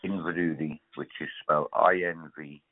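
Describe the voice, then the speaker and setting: A man in his fifties with toothless, gummy articulation, talking casually and haltingly on the phone. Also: extremely low pitch, fairly even intonation, dry recording. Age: 50s. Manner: halting, spells things out. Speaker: client on a phone call. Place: telephone call. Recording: tinny, narrow phone line.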